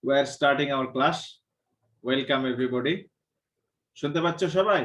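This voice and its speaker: A man teaching an online English class. He mixes English teaching phrases into Bengali, puts the class direct questions, and pauses often on 'ah'. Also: medium pitch, fairly bright tone, recorded from a distance, highs cut off. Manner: drawn-out, hesitant delivery with frequent 'ah' pauses.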